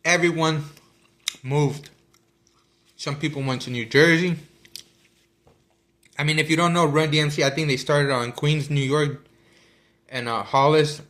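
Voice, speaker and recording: A man's voice: fairly high pitch, steady tone, measured pace, pauses often, a bit bright. Guy rambling about a book, lots of ums and restarts, eating while he talks. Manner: rambling, with many fillers and restarts. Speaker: vlogger discussing a book. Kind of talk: casual chat.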